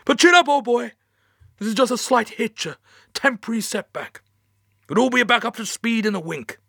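A man voicing a nervous, flustered male space-program chief who babbles and repeats himself in a high, strained voice. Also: animated, normal speed, vocal fry, pushed and bright, dry recording, clean studio sound, heavily acted. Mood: forced cheer. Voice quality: high strained voice, forced cheer.

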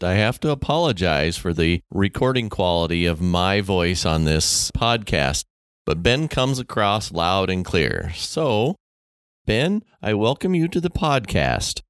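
A man hosting a podcast interview, reading a formal introduction, his voice coming through low-quality streamed call audio. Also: no echo, studio quality. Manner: reads a formal scripted introduction. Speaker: podcast host. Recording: muffled lo-fi remote call line.

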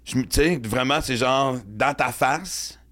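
A man's voice: mid-range voice, unhurried, bright, forceful tone. A man with a Québécois French accent hosting a casual chat, joking around. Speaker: podcast host.

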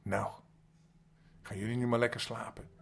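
Older man, husky, bedtime storyteller. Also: mid-range voice, little pitch movement, normal speed, soft background music. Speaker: grandfather storyteller.

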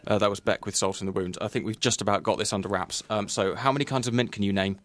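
A man's voice: fairly low pitch, steady tone, quick pace, a bit bright, faint music behind. A man co-hosting a community radio show, wry and hesitant with stammered starts. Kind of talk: casual radio banter.

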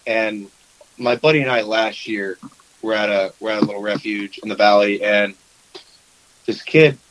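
A man's voice: lowish voice, normal speed, a little hiss or hum, rough recording. A man chatting casually about duck hunting, telling stories and acting out the quotes. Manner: animated storyteller, acts out quotes.

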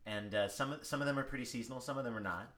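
A man co-hosting a podcast in casual chat, rambling and halting as he repeats words. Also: mid-range voice, fairly bright tone. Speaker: podcast co-host.

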